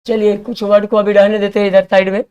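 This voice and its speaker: Male vocabulary teacher, clear resonant delivery, spelling letter by letter, hurrying his class along. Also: sits high, flat delivery, darkish tone, muffled recording. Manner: spells words letter by letter, coaxing students to write fast.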